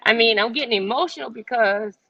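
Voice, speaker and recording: A woman's voice: on the high side, a little fast, lo-fi sound. Earnest Southern woman telling her story. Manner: earnest, heartfelt, repeats herself when moved. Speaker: restaurant owner and guest. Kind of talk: emotional personal storytelling.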